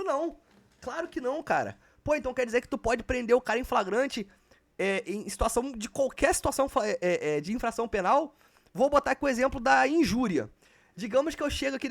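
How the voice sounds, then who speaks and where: High-voiced, slangy man teaching a live class. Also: vocal fry. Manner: casual, slangy and profane, addresses students as "galera" and "cara". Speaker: exam prep teacher.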